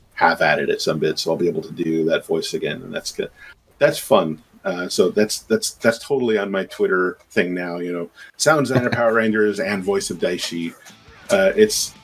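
Talking casually over video for a podcast interview, a middle-aged man who composes game music and does sound design keeps restarting and using fillers. He sits low in pitch, with a slightly rough voice.

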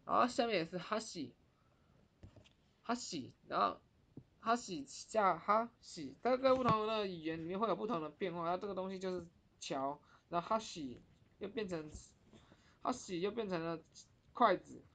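A woman teaching a Japanese pronunciation lesson in Mandarin, repeating words slowly and drawing out their sounds. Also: on the low side, animated, vocal fry, a bit bright. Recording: dull lo-fi recording.

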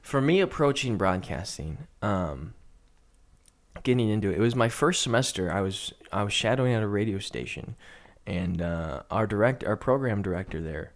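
Speaking at a normal speed in a somewhat low, expressive voice, this young man is a sports broadcaster doing a casual interview over video call. He's at home, on a studio condenser mic, and his answers are thoughtful and filler-heavy.

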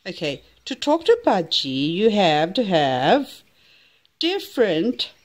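A woman's voice: medium pitch, sing-song, takes it slowly. A woman host talking to her pet budgie in a casual vlog, in sing-song cutesy baby talk, with a sterner tone for scolding. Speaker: pet owner and channel host.

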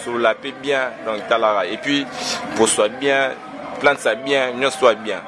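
A man answers interview questions in a rambling, halting way, full of fillers. His voice sits at a middle pitch. Loud urban street ambience runs behind him. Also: steady tone. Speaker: interview guest, musician. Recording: noisy outdoor urban ambience.

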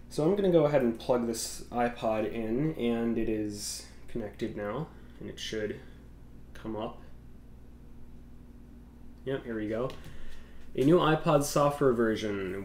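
A young tech YouTuber with a congested cold voice rambles casually through his vlog, using lots of fillers. His voice is medium-pitched and darkish, and the room is echoey with faint noise.

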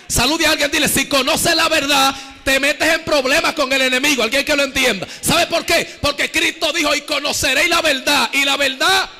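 A man preaching a fiery sermon to a church congregation, shouting in sing-song bursts and calling on the crowd to answer. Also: extremely high pitch, fairly even intonation, brisk. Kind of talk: Pentecostal sermon. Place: church service.

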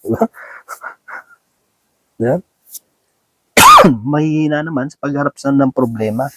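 A man's voice: a little high, huge pitch swings, measured pace, heavy background noise. A man giving a conversational sermon, often asking his listeners tag questions, mixing English words into his Filipino, and chuckling between points. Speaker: lay preacher.

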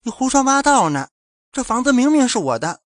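A panicked mother in her thirties cries out in a high, strained voice, put on by a male narrator. Her shouts are shrill and desperate, recorded dry and close. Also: fairly quick, breathy edge, dry recording. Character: terrified young mother, woman in her thirties.

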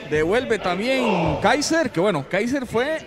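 Guy calling wrestling live, really high excited voice, exclaims a lot, loud crowd behind. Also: unhurried. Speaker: wrestling commentator. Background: cheering wrestling crowd in a hall.

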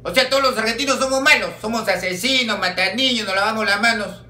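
Comic playing furious swearing Argentine parishioner, high and loud. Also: male voice, fast, reverberant. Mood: outraged. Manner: shouting, rising rant. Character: furious male Argentine churchgoer, ranting and swearing.

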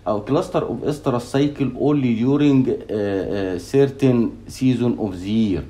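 A man's voice: mid-range voice, quick pace, warm tone. A man with an Egyptian Arabic accent giving a lecture, mixing English terms into his explanations and asking and answering his own questions. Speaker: veterinary anatomy lecturer. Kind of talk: recorded lecture.

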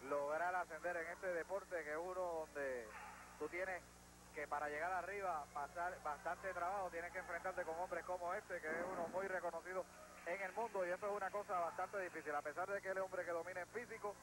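High-voiced male wrestling color commentator. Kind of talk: analytical sports commentary. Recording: noisy, degraded 1980s TV tape.

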